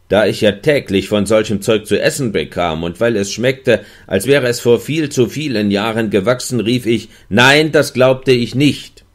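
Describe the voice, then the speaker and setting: A man giving a measured, expressive first-person reading of a literary novel as an audiobook. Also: on the low side. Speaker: audiobook reader.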